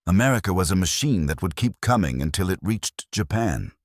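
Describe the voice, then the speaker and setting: Male documentary narrator, very deep and expressive, grave and measured, dry booth sound. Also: dry recording.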